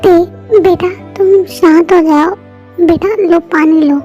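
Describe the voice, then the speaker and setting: A woman's voice: very high voice, steady tone, slow. A woman voicing a worried, fierce middle-aged mother in an amateur fan dub drama, speaking anxiously and scoldingly. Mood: anxious, angry. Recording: muffled lo-fi audio with soft music.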